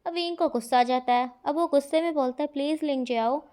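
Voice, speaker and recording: A woman's voice: high voice, fast talker, darkish tone. A woman narrating a fan-fiction story in a conversational manner, with asides to her listeners.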